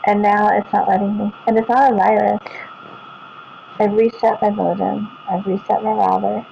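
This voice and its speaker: A woman's voice: medium pitch, little pitch movement, normal speed, gravelly, dull audio, slight background noise. A woman, vlogging casually to viewers, rambling, repeating herself and restarting sentences.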